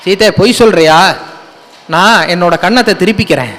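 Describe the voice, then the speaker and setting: A man voicing a calm divine king who gently accuses his wife of lying. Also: high-pitched, moderate pace, long reverb tail, pitched below the performer's own voice. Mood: chiding.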